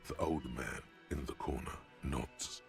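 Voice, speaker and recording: Brief: the deep, measured narrator of a detective game; very low and even. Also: male voice, soft background music. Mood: calm.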